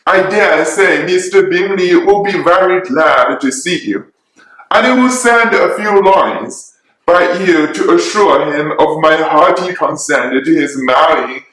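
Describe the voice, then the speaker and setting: Guy acting a sardonic middle-aged husband, theatrical, slow and kinda high for a man, echoey room. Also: a bit bright. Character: dry, sarcastic, teasing middle-aged husband and father. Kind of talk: dramatic reading of a classic novel.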